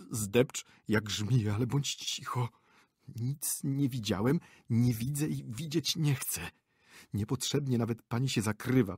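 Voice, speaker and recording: A man's voice: mid-range voice, a little mellow, husky, no echo, studio quality. A man voicing a cowardly old theatre director who pleads in a trembling, lisping whisper.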